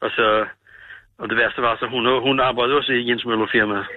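Brief: caller, man in his 60s, laconic and halting, heard on a tinny telephone line. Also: medium pitch, fairly even intonation, no room sound. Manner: plain, hesitant, laconic. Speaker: caller, crane driver. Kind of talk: casual phone interview.

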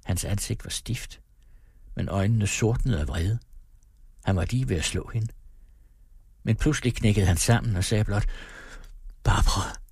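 A man reading a novel aloud as narrator in calm, measured storytelling. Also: lowish voice, husky, dry recording, clean studio sound. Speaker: audiobook narrator. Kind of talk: scripted narration.

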